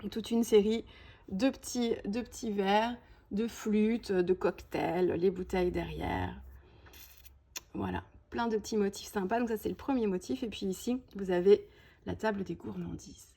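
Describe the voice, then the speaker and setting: Speaking at a measured pace, a scrapbooking host from France casually shows off her collection, sprinkling in "hop" and "voilà" as she goes. Her medium-pitched voice is warm, creaky and a bit breathy.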